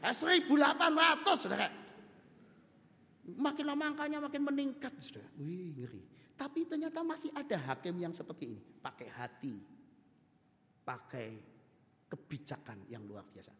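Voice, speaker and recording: A man preaching a sermon and telling a story in an emphatic, animated way. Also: very high-pitched, moderate pace, long pauses, in a large hall, a little hiss or hum. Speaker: pastor.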